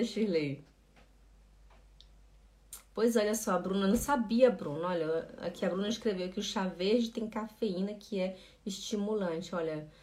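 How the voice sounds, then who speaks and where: A woman's voice: medium pitch, darkish tone. A woman giving a live-streamed German lesson, chatting with viewers and patiently repeating words. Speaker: German teacher.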